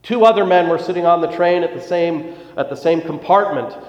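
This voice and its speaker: A pastor delivering a sermon, telling a joke story and then explaining scripture. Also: male voice, fairly high pitch, a little fast, a little mellow. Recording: echoey hall, dull lo-fi sound.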